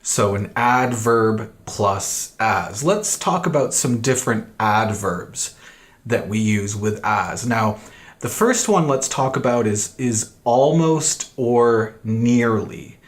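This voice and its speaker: A man in his thirties teaching an English grammar lesson, slow and deliberate, repeating key phrases for emphasis. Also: mid-range voice, animated.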